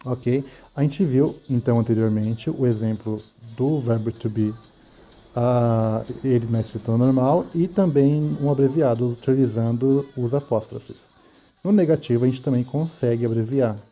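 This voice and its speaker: A man's voice: medium pitch, moderate pace, mellow. A man with a Brazilian Portuguese accent teaching an English grammar lesson, patiently explaining and checking often that students follow.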